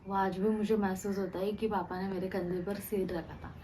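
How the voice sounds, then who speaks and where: A young woman vlogger telling a personal story to camera, halting and restarting, with many fillers and English words mixed in. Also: mid-range voice, level tone, noisy background. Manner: mixes English words into Hindi.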